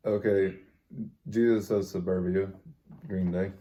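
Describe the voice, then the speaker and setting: A man with a lowish, very mellow voice talks casually with a friend. He is a bit hesitant, often thinking out loud as he goes. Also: steady tone, a little slow, highs cut off, slight background noise. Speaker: guest on a friend's food vlog. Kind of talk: casual chat about favorite music.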